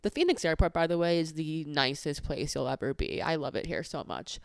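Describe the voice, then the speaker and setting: A woman's voice: deep voice, fairly quick, vocal fry, smooth, no room sound, clean studio sound. A woman hosting a podcast, telling a travel story in a casual, chatty way with lots of "like"s and an exasperated edge. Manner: chatty, many filler "like"s, exasperated retelling. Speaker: podcast host.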